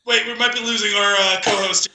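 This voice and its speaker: Here a man co-hosts a podcast, chatting casually and reading a poem dramatically while frequently laughing in amusement. His high-pitched voice is steady and sharp, fairly quick in pace, heard in a roomy, low-quality recording.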